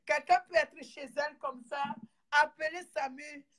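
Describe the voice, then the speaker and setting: A furious, indignant woman addressing her viewers in an angry monologue, shouting and repeating herself, near tears. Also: high voice, fairly even intonation, measured pace. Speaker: online commentator.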